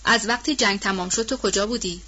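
A woman's voice: medium pitch, bright, forceful tone, husky. Woman reading a proud, wary young Southern lady. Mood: firm. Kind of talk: audiobook character reading. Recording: dull lo-fi audio.

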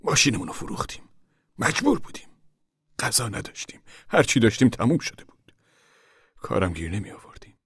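A man's voice: sits low, breathy edge, no echo, studio quality. A man voicing an older, weary farm worker and father who talks in a bitter, worn-down way.

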